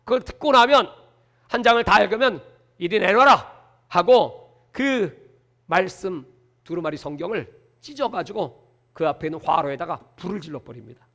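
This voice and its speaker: Pastor preaching, very high voice, bright, acts out the story. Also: male voice, normal speed. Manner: animated, dramatic storytelling. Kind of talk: sermon.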